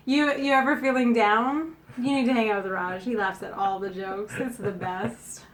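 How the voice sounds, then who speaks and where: A woman's voice: on the high side, fairly even intonation, unhurried. A Canadian woman in her forties with a Canadian accent, chatting casually and cheerfully as a food-site co-host. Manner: upbeat, giggly. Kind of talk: casual chat.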